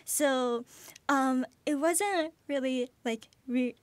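A woman's voice: sits high, very slow, dry recording. A woman in her early twenties with a cute, girlish, anime-like voice, chatting hesitantly as an interview guest in a studio. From Japan. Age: early 20s. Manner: hesitant, searching for words. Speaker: guest, voice actress. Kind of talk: casual interview chat. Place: small radio studio, indoors. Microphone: desk gooseneck microphone.

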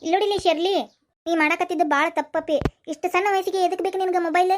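A woman's voice: very high voice, steady tone. A woman voicing a strict but kind young schoolteacher who coaxes and scolds in a North Karnataka Kannada accent. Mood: exasperated. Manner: coaxing then scolding, rapid and talky. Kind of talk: cartoon voice acting.

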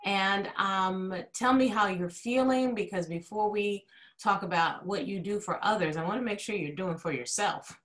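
A woman's voice: mid-range voice, normal speed. A woman hosting an interview over a video call, polished and gracious, asking questions with emphasis. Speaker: talk show host, interviewer.

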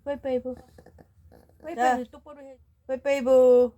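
A middle-aged woman coos to her dogs at home in fond, sing-song baby talk, repeating little words again and again. Her voice sits fairly high and she takes her time, drawing each phrase out. A dog can faintly be heard around her. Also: slow. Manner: cooing, playful, repeats words. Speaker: pet vlogger talking to her dogs.

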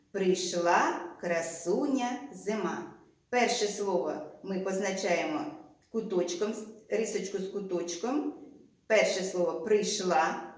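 A woman teacher with a Ukrainian accent leading a slow, deliberate reading lesson for young children, drawing out each sound and word. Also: mid-range voice, darkish tone, very echoey, distant mic. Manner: slow and drawn-out, stretching out sounds and words. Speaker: primary school teacher.

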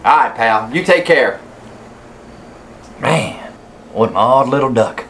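An actor playing a blunt small-town sheriff. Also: male voice, medium pitch, expressive, takes it slowly, fairly bright tone, slight background noise. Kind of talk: film dialogue.

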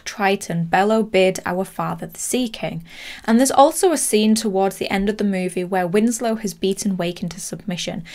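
A woman in her thirties tells a true horror story as host of her channel. She speaks in a measured, dramatic manner with the odd casual aside. Her voice sits at an ordinary middle pitch, recorded in a small home studio. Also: darkish tone. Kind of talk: scripted storytelling narration.

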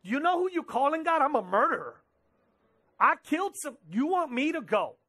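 A man in his thirties preaching on a church stage, speaking through a headset mic. His voice sits very high and sounds bright and forceful. He preaches with animated gestures and quick quoted asides. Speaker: pastor. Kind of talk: sermon. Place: church stage with drum kit behind, indoors.

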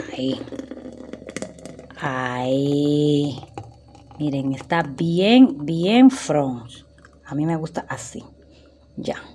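A woman's voice: deep voice, mellow, a little hiss or hum. A woman chatting casually to her viewers while making a drink in her home kitchen, filmed on a phone. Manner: chatty, addresses viewers as girls. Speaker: vlogger.

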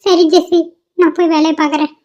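A woman's voice: extremely high pitch, level tone, a little fast, darkish tone. A woman voicing a timid, frightened young office worker in a cartoon, talking anxiously. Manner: anxious, fearful. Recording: dull lo-fi cartoon audio.

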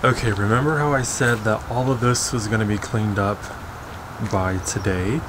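A man's voice: fairly low pitch, fairly even intonation, normal speed, reverberant, noisy background. A young man casually walking viewers through a house renovation, chatty and upbeat with frequent fillers, filmed on a handheld camera. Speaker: home renovation vlogger. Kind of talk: casual walkthrough vlog. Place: house under renovation and its yard, indoors and outdoors. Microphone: handheld camera held at arm's length.

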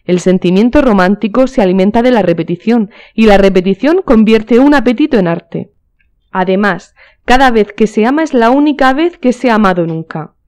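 A woman's voice: a little high, animated, normal speed, darkish tone, lightly acted. A woman voicing a witty, cynical male aristocrat in a storybook reading, delivering polished epigrams with a lecturing manner. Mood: worldly, cynical.

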